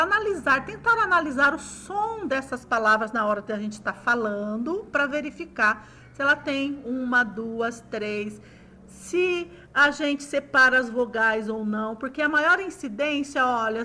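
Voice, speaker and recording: A woman's voice: high voice, sharp tone. A woman teaching young children, patiently sounding out words syllable by syllable in a recorded lesson. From Brazil. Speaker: primary school teacher.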